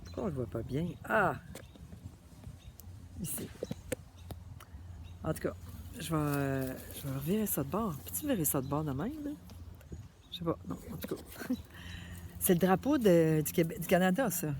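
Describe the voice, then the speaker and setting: A woman with a Québécois French accent, chatting casually straight to her viewers in an animated, familiar way. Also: low-pitched, moderate pace, long pauses, noisy background. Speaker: vlogger.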